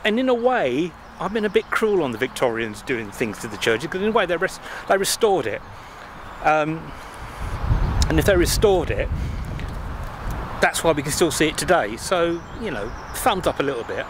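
Walking a country churchyard beside a road, a fifties-aged English travel vlogger talks casually to his arm's-length selfie camera, wandering off topic and poking fun at himself. His voice sits on the high side and is very animated, at a moderate pace, with wind and traffic noise all around.

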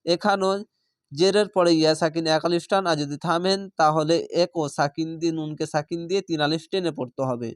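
Smooth-voiced man drilling Quran spelling. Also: a little high, no room sound, clean studio sound. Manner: patient, measured, repetitive drilling. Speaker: Quran reading teacher. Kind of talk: letter-by-letter spelling lesson.

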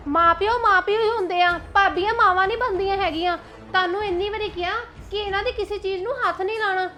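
A woman's voice: very high-pitched, fairly even intonation, quick pace, pushed and bright. A Punjabi-accented woman playing an outspoken young wife who argues back in a family drama. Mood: scolding. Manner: scolding, defiant. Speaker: younger sister-in-law.

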